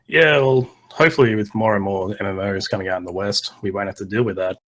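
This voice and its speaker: Male co-host, deep voice, deadpan and blunt. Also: fast. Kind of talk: casual podcast chat.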